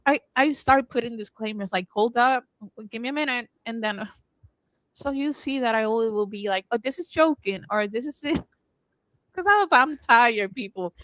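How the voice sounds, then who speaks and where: A woman from Puerto Rico with a Puerto Rican Spanish accent, co-hosting a casual podcast chat and telling animated stories, often laughing and acting out what she said. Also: on the high side, moderate pace, dry recording, rough recording. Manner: animated storytelling, laughs often, quotes herself. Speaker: podcast co-host.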